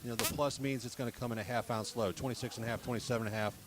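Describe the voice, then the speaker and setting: A man's voice: mid-range voice, steady tone, very fast. A man representing a bat company, speaking in a casual broadcast interview and filling his talk with "you know" and "um". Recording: crowd noise behind.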